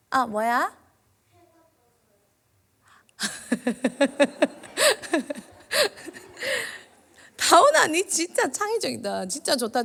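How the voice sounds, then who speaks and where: With a high voice, a woman leads a spirited children's sermon at church as their minister, testing the kids with questions.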